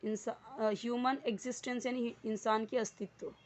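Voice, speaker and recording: A woman's voice: on the high side, fairly even intonation, normal speed, a little hiss or hum. A woman teaching English word by word, patient and explanatory. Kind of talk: Hindi-medium English lesson.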